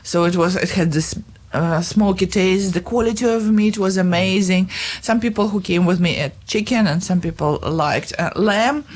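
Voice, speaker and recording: A woman hosting a casual interview, chatty and quick to laugh. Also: fairly low pitch, darkish tone. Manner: chatty, laughing easily, with many fillers. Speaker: radio host.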